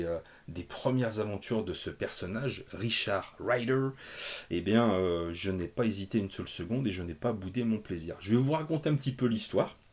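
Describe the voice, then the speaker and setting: A man with a notably low, deep voice talks through a comic book collection in a relaxed, chatty review. He hesitates often and fills gaps with pauses, joking at his own expense now and then. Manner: hesitant, many filler pauses; chatty and self-mocking. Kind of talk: casual spoken review.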